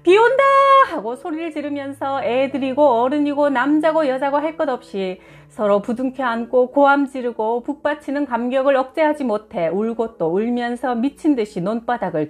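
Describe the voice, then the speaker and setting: A woman's voice: a little high, darkish tone. A woman reading a memoir aloud in an earnest, emotive way. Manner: earnest, emotive reading that lifts for quoted prayers. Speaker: publisher reading a book aloud.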